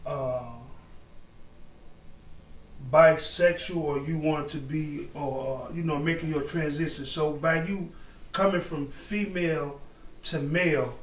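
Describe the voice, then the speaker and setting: Co-host guy talking real slow, higher voice, far off in an echoey room. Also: steady tone. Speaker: podcast co-host. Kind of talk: interview questions.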